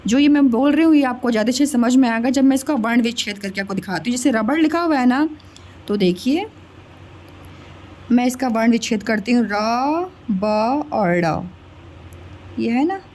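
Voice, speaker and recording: A woman's voice: a little high, a little fast, a little mellow, a little hiss or hum. A woman teacher patiently explaining a grammar lesson to children step by step, often checking that they understand. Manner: addresses listeners as children.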